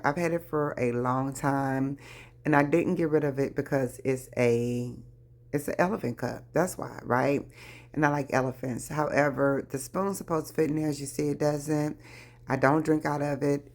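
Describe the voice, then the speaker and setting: Casting: low-pitched middle-aged woman, chatty home vlogger, early morning voice. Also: a little mellow. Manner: chatty, addresses viewers as y'all. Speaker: lifestyle vlogger. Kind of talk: casual chat while decluttering.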